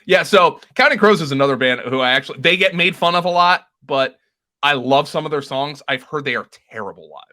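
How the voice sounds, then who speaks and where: Bright-voiced man chatting enthusiastically. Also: on the high side, animated, a little fast. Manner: enthusiastic, rambling with fillers and restarts. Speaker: podcast co-host. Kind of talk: casual chat.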